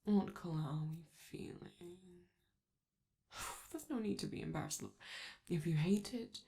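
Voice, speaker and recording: For a scripted ASMR roleplay, a woman takes on a flamboyant, vain robot star, doting with theatrical flair, drawn-out words and teasing pet names. Her voice is on the low side, expressive and mellow with vocal fry, and she fusses gently.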